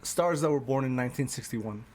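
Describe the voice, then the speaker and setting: Tipsy from drinking, a man who is a musician and podcast co-host rambles, chuckles, and swears freely during a casual podcast chat. His mid-range voice is a little mellow and fairly quick.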